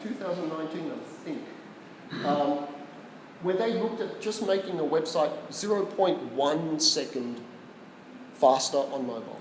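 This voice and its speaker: In a roomy, long-reverb space with background noise, an Australian man with a fairly high-pitched voice delivers a casual tech talk. He's talkative with the small live audience and keeps quizzing them.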